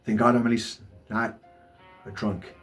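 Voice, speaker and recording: A man's voice: on the low side, level tone, a bit bright, slightly rough. Stammering man, confessional vlog. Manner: halting, many stammered repeats. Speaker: vlogger. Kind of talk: personal confessional monologue. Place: Los Angeles. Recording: faint music behind.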